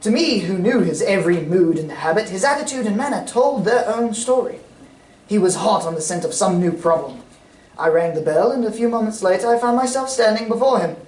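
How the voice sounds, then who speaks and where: A man playing a loyal, curious gentleman doctor, polite and earnest, in a stage reading of a radio drama. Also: high voice, expressive, fairly quick. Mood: reflective narrating. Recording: distant roomy stage recording, faint noise.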